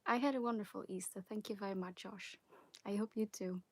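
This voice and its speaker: A young woman from Belgium with a Flemish accent, hosting a live question-and-answer stream, talking softly and often whispering, a little nervous. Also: medium pitch, steady tone, a little fast, no echo. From Belgium (Flanders). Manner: soft, partly whispered chat, nervous and giggly. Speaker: ASMR creator. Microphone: phone on a wobbly stand.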